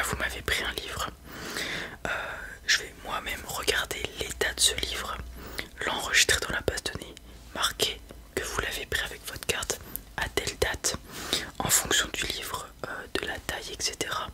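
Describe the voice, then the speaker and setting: A person doing a whispered role-play as a polite, helpful librarian, in a breathy, unvoiced whisper close to the microphone. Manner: polite, helpful customer-service patter. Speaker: ASMR performer playing a librarian.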